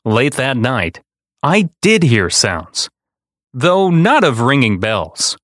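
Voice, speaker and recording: A man, a podcast host, speaking in an expressive storybook narration style. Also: medium pitch, slow pace, no room sound, studio quality. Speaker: podcast host reading a children's book aloud.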